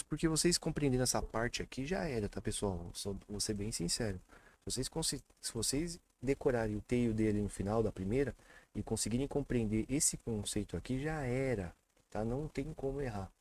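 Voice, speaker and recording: A man's voice: medium pitch, a little mellow. A man from Brazil teaching English pronunciation in a casual online lesson, chatty, often repeating sounds with emphasis.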